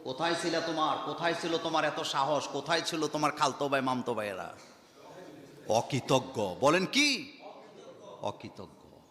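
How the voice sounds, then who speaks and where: A man's voice: fairly high pitch, lively intonation, fairly quick, pushed and bright. Man, preacher, emphatic sermon, rhetorical questions, echoey long reverb. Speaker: Islamic preacher. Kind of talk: Bengali waj sermon.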